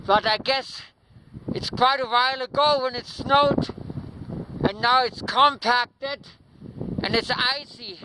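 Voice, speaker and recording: A man narrating a casual hiking vlog outdoors, speaking to viewers in a halting, unhurried way. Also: very high-pitched. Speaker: vlogger, mountain hiker. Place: outdoors on a high mountain trail. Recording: loud wind buffeting the mic outdoors. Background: wind noise.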